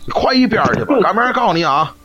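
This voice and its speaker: A man's voice: animated, rapid-fire, fairly bright tone. A man voicing an angry old woman who curses and scolds. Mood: furious. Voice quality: scolding, shrill. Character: shrill, furious old woman cursing. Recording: dull lo-fi stream audio, faint noise.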